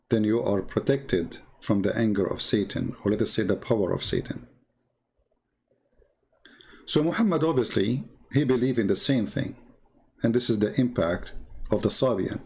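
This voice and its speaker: A religious commentator and show host, speaking English as a second language, gives an informal explanatory talk over shortwave radio. His voice is on the low side, darkish and husky, and he teaches emphatically, repeating his phrases.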